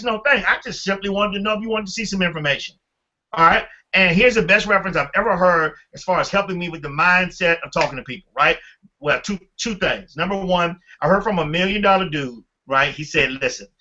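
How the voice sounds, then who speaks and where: A man leading a motivational team training call, energetic and animated, calling on listeners by name. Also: sits high, brisk, lo-fi sound. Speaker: team leader.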